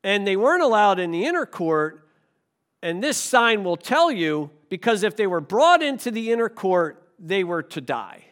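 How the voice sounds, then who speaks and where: A man preaching a sermon to a congregation in a conversational way, asking the room questions and swinging between loud stresses and quiet asides. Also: sits high, sing-song, normal speed. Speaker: pastor.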